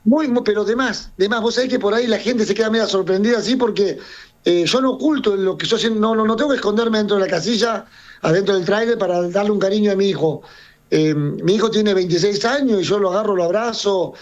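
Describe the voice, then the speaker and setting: A middle-aged Serbian circus owner talks casually in an interview, his high voice moving fast. He rambles, often restarting and repeating words. The recording has a dull, lo-fi quality.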